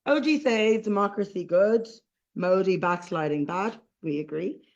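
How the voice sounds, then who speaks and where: Irish man, high voice, casual debate speech, stumbles and repeats himself, dull lo-fi sound. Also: a little slow. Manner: informal, repetitive, with many fillers and restarts. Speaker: competitive debater.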